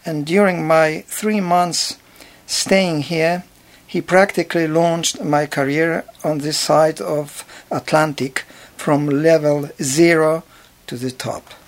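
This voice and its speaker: An older man from Poland with a Polish accent, a jazz pianist telling his life story in a slow, careful, measured way. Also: on the high side. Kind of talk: spoken memoir track.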